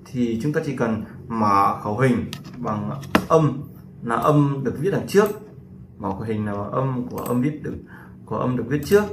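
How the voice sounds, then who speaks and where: A man teaching a pronunciation lesson in a loose, casual way, stopping often on long fillers and going back over his own words. His voice sits at an ordinary middle pitch and carries a clear echo off the room. A light hiss runs underneath. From Vietnam. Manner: hesitant, many drawn-out fillers and repetitions. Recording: echoey room with faint noise.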